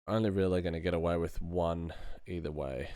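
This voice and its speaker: A man in his thirties, a sound designer at work, thinks aloud in short, casual, muttered fragments into a close mic in a small room at home. His voice is deep, brisk and fairly even in intonation. Loud music plays over him, adding heavy background noise.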